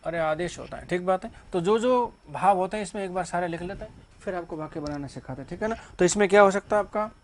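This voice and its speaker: A man's voice: sits high, quick pace. A man teaching English grammar to a class. He keeps asking the students questions and then answers them himself.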